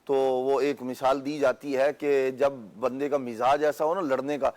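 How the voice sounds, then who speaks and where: A man's voice: mid-range voice, level tone, darkish tone. A man joins a talk show discussion. He pushes back playfully and leans on folk proverbs. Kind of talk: conversational discussion.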